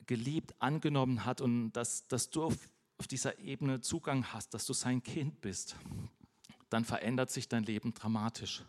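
A man preaching an informal sermon, chatty and direct, with everyday examples and frequent "ne?" tags. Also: medium pitch.

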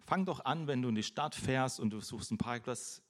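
A man's voice: medium pitch, a little fast. A man preaching an informal sermon, chatty and direct, with everyday examples and frequent "ne?" tags.

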